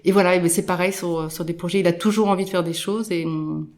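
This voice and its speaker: A middle-aged woman, a photographer being interviewed, talking in a lively, halting way with many restarts and repeated words. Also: on the low side. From born in Morocco, raised in Nairobi and London. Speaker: guest, photographer. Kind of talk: casual interview conversation.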